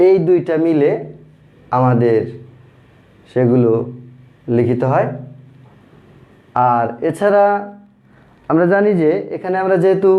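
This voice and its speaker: A male teacher giving a grammar lesson, patient, repeating terms and asking rhetorical questions. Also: fairly high pitch. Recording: thin phone-like audio.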